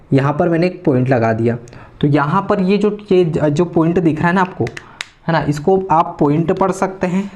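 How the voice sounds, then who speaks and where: Man, maths teacher, warm low-bright tone, patient and repetitive delivery. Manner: repetitive tag questions, patient step-by-step explaining. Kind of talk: classroom lecture.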